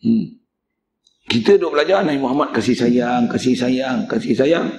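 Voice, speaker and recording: A man's voice: mid-range voice, expressive, normal speed, vocal fry, a little mellow, roomy sound, slight background noise. A male religious teacher, giving a mosque lecture in a blunt, teasing way and speaking straight to the congregation.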